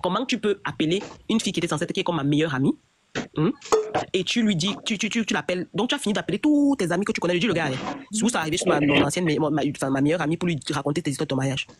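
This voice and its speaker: A woman's voice: lowish voice, rapid-fire. A woman telling a personal story in casual chat, rambling and restarting her sentences often. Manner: rambling, many restarts and repeats. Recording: noisy online audio.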